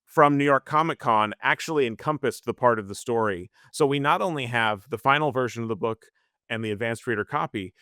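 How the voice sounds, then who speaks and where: A male podcast co-host lays out his points in a measured, explanatory way. His voice sits in the middle of the usual male range. The sound is dry and close. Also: medium pitch, sharp tone, clear, resonant tone, no room sound. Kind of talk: podcast book-club discussion.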